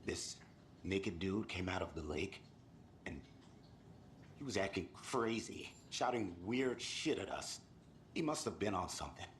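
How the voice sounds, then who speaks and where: Rattled guy witness in a game, slangy, slow lowish voice. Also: animated. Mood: shaken. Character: shaken, slangy male tourist witness. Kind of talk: video game voice acting. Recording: faint background ambience noise.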